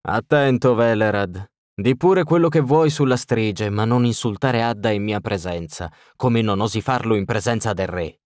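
A stern, easily offended nobleman, as a male narrator puts him on. His voice goes up high and sharp, sounding like a hissed rebuke. The recording is close and dry. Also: moderate pace, dry recording, lightly acted. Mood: warning. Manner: sharp, hissing reproach.

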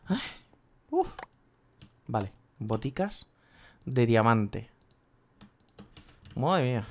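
A man with a Spain Spanish accent commentates his game casually, swearing freely and yelping when things go wrong. His voice sits in an ordinary middle pitch. Faint keyboard clicks and low noise sit behind him. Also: sing-song, extremely slow. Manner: swears often, cries out in sudden yelps. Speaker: gaming youtuber.

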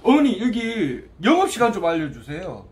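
A man's voice: high-pitched, huge pitch swings, moderate pace. A man, chatting and laughing often while filming a food vlog on a phone in a small restaurant. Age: 40s. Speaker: vlogger. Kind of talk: casual food vlog chat. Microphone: handheld phone camera. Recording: echoey small room.

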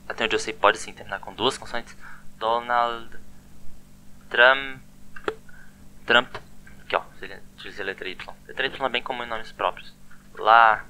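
A man's voice: fairly low pitch, fairly even intonation, normal speed, bright, forceful tone, a little hiss or hum. A man giving a casual online language lesson, chatty and often repeating words with a questioning "né?". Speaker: language teacher.

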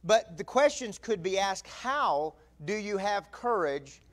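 A man's voice: sits high, expressive, slow pace. A middle-aged man, an assistant pastor giving announcements and then preaching with growing emphasis in a church sanctuary. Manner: conversational, rising to emphatic preaching. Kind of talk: announcements and sermon. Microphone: pulpit mic, far camera.

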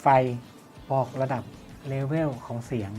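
Over background music, a man walks through an audio product review, asking questions and supplying the answers himself. He speaks at a measured pace in a warm, medium-pitched voice.

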